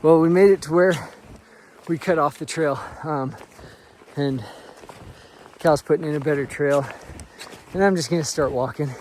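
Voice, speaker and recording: A man's voice: fairly high pitch, normal speed, pauses often. A man casually narrating an outdoor vlog in the snowy mountains, chatty and joking, with exclamations. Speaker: vlogger. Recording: loud wind and engine noise outdoors.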